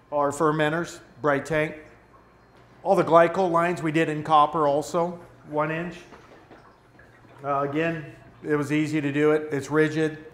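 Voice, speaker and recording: Brewery owner, 50s, casual demo voice, slightly high, roomy echo. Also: male voice. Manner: relaxed, practical, pointing things out while talking. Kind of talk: casual equipment walkthrough. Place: brewery floor among steel tanks, indoors. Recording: echoey brewery room with faint hum.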